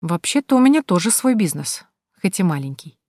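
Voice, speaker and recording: A woman reading the part of a warm, easily flustered woman who is shy and full of wonder. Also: fairly low pitch, sing-song, brisk, dry recording, studio quality.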